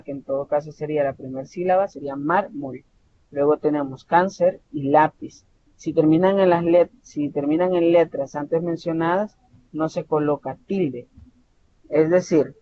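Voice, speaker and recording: Man tutoring a lesson over dull audio. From El Salvador. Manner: explanatory, repeats and restarts words, says "¿verdad?" often. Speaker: online tutor. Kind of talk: online lesson lecture. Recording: dull lo-fi audio with faint rumble.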